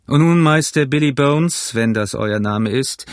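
A man voicing a brisk, commanding middle-aged country doctor in an audiobook, speaking loudly and briskly. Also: medium pitch, dry recording, clean studio sound, lightly acted. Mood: brusque. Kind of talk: audiobook reading.

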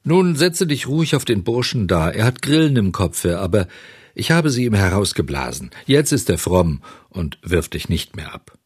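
A man voicing a fat, sweet-talking little coachman who speaks in a soft, flattering, coaxing way. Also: on the low side, normal speed, husky, no echo, studio quality. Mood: soothing.

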